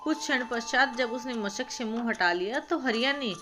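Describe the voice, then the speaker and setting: A woman narrating a moral story in a steady, calm storytelling voice. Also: on the high side, normal speed. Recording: background music.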